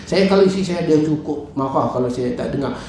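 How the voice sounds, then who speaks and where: A middle-aged man with a Malaysian Malay accent, preaching in a lively mosque talk that jumps up and down in pitch as he acts out his stories. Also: fairly quick. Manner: animated storytelling, acts out his wife and callers. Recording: echoey hall with faint noise.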